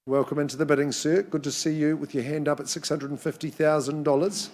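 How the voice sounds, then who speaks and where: Higher-voiced man calling a live property auction. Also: little pitch movement, fast talker, a little mellow. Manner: chatty patter between clipped, repeated number calls. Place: in-room auction.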